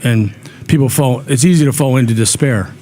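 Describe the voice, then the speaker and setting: A man's voice: medium pitch, a little fast, dark tone. A man interviewed as a guest on a talk show, talking earnestly about community aid, often repeating words as he thinks aloud. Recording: faint background noise.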